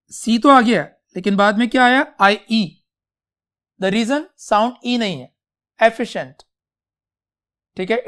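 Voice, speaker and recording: A male English teacher with a Pakistani accent talks his class through spelling rules at an unhurried, measured pace. He spells things out patiently and keeps pausing to check that his students are following, calling them affectionately by pet names. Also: high-pitched, a bit bright. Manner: slow and deliberate, calls students "beta", repeats checks like "clear?". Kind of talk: classroom lecture mixing Hindi-Urdu and English.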